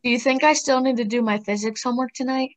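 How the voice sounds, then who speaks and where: A woman's voice: a little high, fairly even intonation, quick pace, no echo, lightly acted. A young woman acting a worried teenage student who keeps asking questions. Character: anxious teenage girl student.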